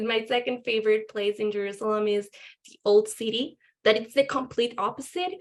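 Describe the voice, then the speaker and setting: A woman speaking as an alumni guest on a video call, chatty, with frequent laughs and fillers. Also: medium pitch. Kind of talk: casual panel talk on video call.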